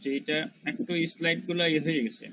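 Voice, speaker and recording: High, bright-voiced man teaching recitation. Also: level tone, poor audio. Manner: demonstrates syllables by repeating them slowly; colloquial, mixes in English words. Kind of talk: online review class teaching Arabic letter pronunciation.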